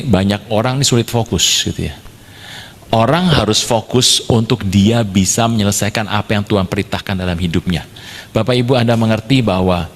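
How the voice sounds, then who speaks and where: Guy preaching a sermon, animated storyteller doing sound effects, big echoey church hall. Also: on the low side. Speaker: pastor.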